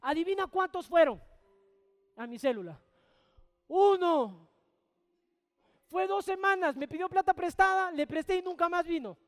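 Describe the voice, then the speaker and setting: A man's voice: very high voice, expressive, a little fast, in a large hall. A male pastor with a Peruvian accent telling a story in a sermon and acting out the dialogue with animation. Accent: Peruvian Spanish.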